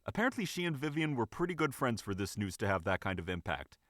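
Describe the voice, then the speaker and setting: A man reading a fan story aloud, expressive and correcting his slips as he goes. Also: medium pitch, fast talker, no room sound, clean studio sound. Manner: expressive with frequent self-corrections. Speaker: story reader.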